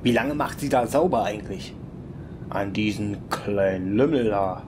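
Male let's player, unhurried and musing, rumble from the game behind. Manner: musing, chuckling, thinks aloud. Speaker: let's play commentator. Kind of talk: casual gameplay commentary.

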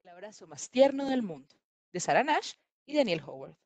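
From home, a woman reads a story to children on a livestream, animated and playful and talking straight to the kids. Her voice is medium in pitch at a moderate pace, with no room sound.

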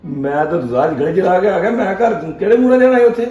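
A man with a Punjabi accent acting a stubborn father in a family drama, dismissive and gruff. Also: high voice, animated, fast talker, warm tone, highs cut off, faint music behind. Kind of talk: Punjabi web-series acting. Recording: roomy echo.

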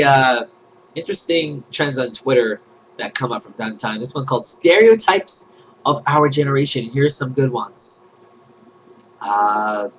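A man chatting casually on his vlog, rambling and joking about whatever is trending. His voice sits at an ordinary middle pitch, and a faint hiss of noise runs under the recording. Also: low-quality recording. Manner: jokey, rambling, breaks into silly put-on voices. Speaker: vlogger.

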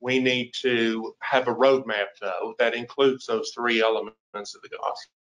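A man co-hosting a webinar, chiming in quickly to back up the main speaker. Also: mid-range voice, fairly even intonation, fairly bright tone, low-quality recording. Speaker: webinar co-host.

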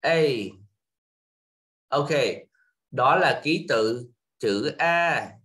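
A man with a Vietnamese accent teaching English to children, switching between Vietnamese and slowly repeated English words for the kids to copy. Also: mid-range voice, animated, fairly bright tone. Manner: slow drawn-out repetition of English words.

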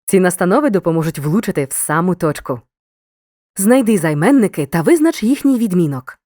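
A woman narrating a scripted grammar lesson in a clear, measured, instructive way. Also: fairly low pitch, expressive, warm tone, no room sound, studio quality.

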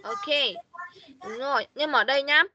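A woman teaching an online English class over a video call, coaching and correcting her pupils quickly. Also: high-pitched, lively intonation, pushed and bright, a little hiss or hum. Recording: dull online meeting audio.

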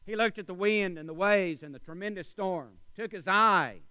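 A male preacher with a Texan accent, delivering a folksy sermon to his church that climbs to loud, emphatic high points. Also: moderate pace, clear, resonant tone, dry recording, lo-fi sound. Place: church sanctuary.

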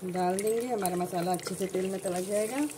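A woman narrating a home cooking tutorial, calmly explaining each step in order. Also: mid-range voice, a little fast, noisy background. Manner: calm step-by-step instructions. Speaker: cooking channel host.

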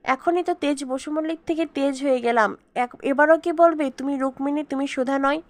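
A woman's voice: sits high, moderate pace, no room sound. A woman reading the lines of a brooding, short-tempered grown man in a story recap.

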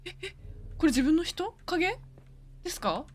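Playing through a game on camera, this woman keeps up casual commentary but frightens easily, breaking into startled cries and repeated words. She speaks in a very high-pitched, expressive voice at a measured pace.

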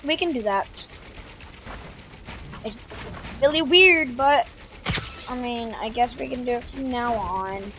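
A woman giving casual gameplay commentary, chatty with many fillers and sudden excited outbursts. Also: a little high, slow pace, long pauses. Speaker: gaming video creator. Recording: loud game noise behind voice. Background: game sounds and vehicle noise.

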